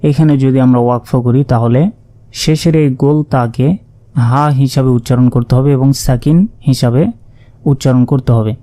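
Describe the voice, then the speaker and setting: A man teaching Quran reading, spelling out Arabic syllables patiently and chanting each word slowly. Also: medium pitch, fairly even intonation, dark tone, no room sound. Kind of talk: spelling out Arabic letter by letter, slow recitation lesson.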